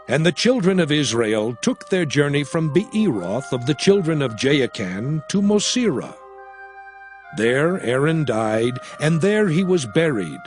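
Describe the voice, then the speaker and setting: In this dramatized scripture recording, a man takes the role of a grave prophet exhorting his people. He speaks in a slow, declamatory style, and his voice sits a little high.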